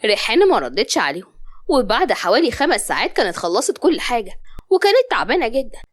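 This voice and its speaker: Woman narrator, Upper Egyptian accent, fast-paced, animated pitch. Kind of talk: storytelling narration.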